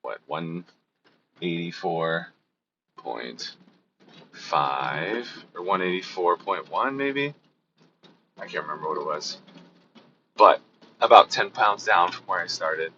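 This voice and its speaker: Hoarse, sick-voiced man with a deep, bright tone. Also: takes it slowly, pauses often, dull audio, a little hiss or hum. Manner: rambling, relaxed, with fillers and restarts. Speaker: vlogger. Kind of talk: casual daily vlog update.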